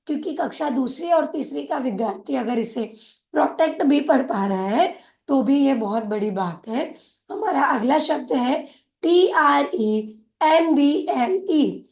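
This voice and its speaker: Woman, phonics teacher, unhurried delivery, says each word twice. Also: sits high, lively intonation, gravelly, darkish tone, roomy sound, muffled recording. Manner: slow, patient, repeats each word twice. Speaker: English teacher. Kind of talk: phonics lesson, spelling out and sounding words.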